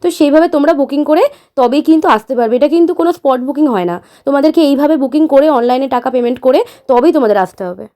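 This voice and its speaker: Quick high-voiced woman explaining bookings. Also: dark tone. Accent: Bengali. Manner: instructive, addresses viewers directly, many filler "ah"s. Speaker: travel vlogger. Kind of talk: voice-over explaining online booking.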